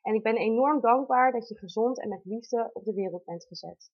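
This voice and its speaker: Woman in her 30s reading a letter to her baby, soft and heartfelt, bit high voice, kinda dull lo-fi sound. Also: a little fast, husky. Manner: heartfelt, intimate, tender. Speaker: mother telling her birth story. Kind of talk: reading a personal letter aloud. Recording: dull lo-fi recording.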